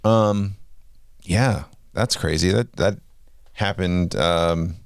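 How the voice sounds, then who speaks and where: Deep gravelly man, hesitant podcaster. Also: very slow, no echo, studio quality. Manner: hesitant, searching for words. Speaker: podcast co-host. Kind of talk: casual podcast chat.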